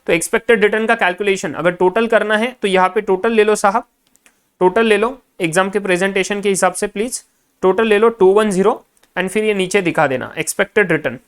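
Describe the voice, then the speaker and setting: A man's voice: sits high, fairly quick, fairly bright tone, smooth. A male finance lecturer in a recorded class, adding up figures aloud half to himself and coaching students directly.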